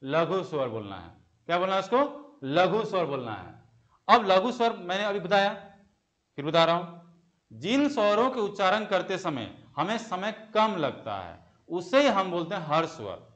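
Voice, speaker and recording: A man's voice: high-pitched, sing-song, normal speed, a bit bright. A young man teaching an exam-prep Hindi grammar lesson. He asks the class questions, answers them himself and repeats the key terms.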